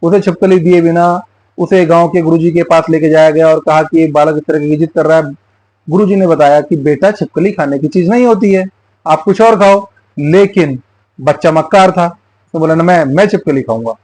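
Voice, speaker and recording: A man's voice: a little high, fairly even intonation, moderate pace, darkish tone, dry recording, low-quality recording. Man with a raised, dry-voiced delivery. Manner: emphatic, repetitive storytelling. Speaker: YouTube channel host. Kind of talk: political commentary told through a folk tale.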